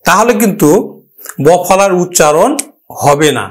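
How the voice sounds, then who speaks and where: A man with a high, light voice teaching a grammar lesson. He asks a question, answers it himself, and drills each example word slowly, saying it more than once. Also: animated.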